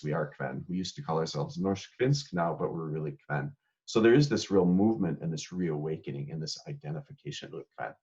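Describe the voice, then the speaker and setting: A man giving a casual slide lecture in a relaxed, explanatory way, often checking in with "right?". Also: low-pitched. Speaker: guest lecturer. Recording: slightly muffled lo-fi audio.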